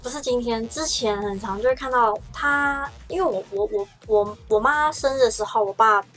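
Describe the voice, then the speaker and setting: A woman's voice: on the high side, normal speed, fairly bright tone, soft background music. Chatty young Taiwanese woman streaming. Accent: Taiwanese Mandarin. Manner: chatty and rambling, with frequent stammered restarts. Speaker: livestreamer. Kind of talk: casual livestream chat.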